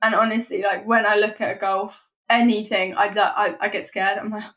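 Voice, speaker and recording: A young woman, a podcast guest, earnestly telling personal stories in a halting, emotional way. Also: medium pitch, flat delivery, fairly bright tone. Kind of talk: personal storytelling.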